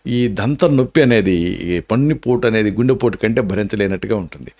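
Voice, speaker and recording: A man's voice: fairly low pitch, darkish tone. A man, an Ayurvedic doctor giving health tips and explaining symptoms and home remedies. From India.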